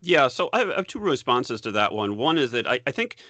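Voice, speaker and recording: A man, a professor being interviewed, explaining history in a measured way and repeating words as he thinks. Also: medium pitch, very animated, sharp tone, no room sound. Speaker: guest, political science professor. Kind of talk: academic interview.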